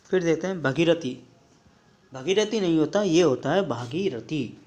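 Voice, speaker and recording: A young man teaching correct spellings in a lesson, setting each wrong form against the right one and checking in often with a quick "okay". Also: a little high, darkish tone. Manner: repetitive drilling, checks in with "ठीक है" often; contrasts the wrong form with the right one, pausing mid-word. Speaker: Hindi teacher. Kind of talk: spelling lesson for exam prep.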